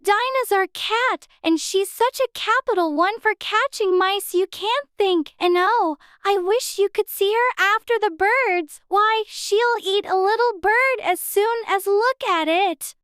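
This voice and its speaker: A woman's voice: very high-pitched, measured pace, few pauses, a bit bright, dry recording, clean studio sound, voice pushed up. A woman voicing a polite, eager little girl in a dramatized audiobook reading. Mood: earnest. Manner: humble, eager, pleading.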